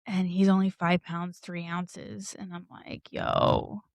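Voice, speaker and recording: A woman's voice: fairly low pitch, little pitch movement, measured pace, darkish tone, dry recording, poor audio. A woman co-hosting a podcast, telling a personal story in a candid, blunt way, swearing and laughing often. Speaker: podcast co-host. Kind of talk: casual storytelling.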